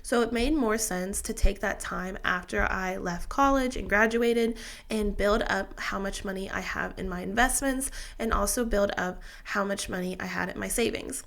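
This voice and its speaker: With a medium-pitched, slightly bright voice, a personal finance vlogger in her 20s chats to camera about her finances. A sinus infection makes her sound congested. She explains things methodically yet casually, with fillers and restarts.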